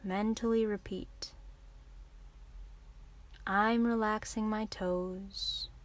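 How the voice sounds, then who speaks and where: A yoga teacher leads a guided relaxation meditation, her mid-range voice keeping a steady tone. She gives soothing, gentle instructions without any hurry.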